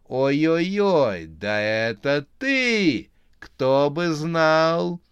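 A man voicing a manic woman clown who wields a chainsaw, cackling and yelling. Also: on the high side, big pitch swings, drawn-out words, clear, resonant tone, no echo, dull audio, pitched above the performer's own voice, exaggerated voice. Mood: gleeful menace.

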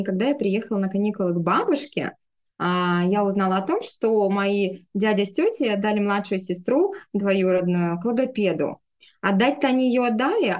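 A woman in her thirties, a speech therapist appearing as a podcast guest, shares personal stories in a conversational interview. Her voice is mid-range with a darkish tone.

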